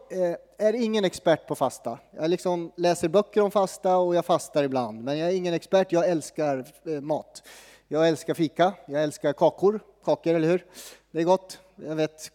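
Man, pastor's sermon, fairly high voice, relaxed and joking, long church reverb. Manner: casual, joking, with many pauses and fillers.

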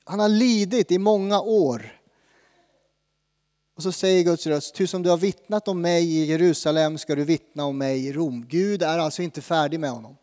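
A man's voice: a little high, dark tone, big-room sound. A man preaching a sermon in a conversational way, asking the congregation questions. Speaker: pastor.

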